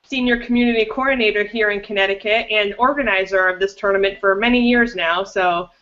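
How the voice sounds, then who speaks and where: Bright-voiced woman hosting a podcast. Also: mid-range voice, steady tone, a little fast. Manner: upbeat, chatty introductions. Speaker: podcast host and director. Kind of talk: casual live-stream chat. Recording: dull lo-fi call audio.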